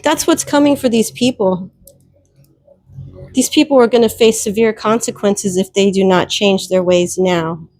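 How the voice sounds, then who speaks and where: A woman's voice: mid-range voice, unhurried, darkish tone, dry recording. A woman giving a solo tarot reading, speaking emphatically, repeating her warnings and addressing viewers directly. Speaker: tarot reader.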